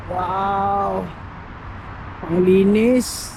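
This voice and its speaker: Filipino man vlogging over clear outdoor noise. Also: high-pitched, fairly even intonation, very slow. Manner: exclamatory, slangy, talking to viewers. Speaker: vlogger and host. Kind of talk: casual vlog chat. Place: outdoors in a city. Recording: noisy outdoor recording with traffic ambience.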